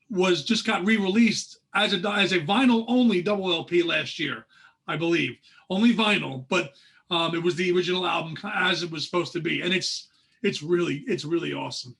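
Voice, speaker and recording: A man in his forties chatting on a music podcast, his voice gravelly and a little husky. He talks with eager enthusiasm, rambling and restarting his sentences, and sits a touch higher in pitch than most men. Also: normal speed, fairly bright tone. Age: 40s. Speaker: podcast co-host. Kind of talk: casual chat.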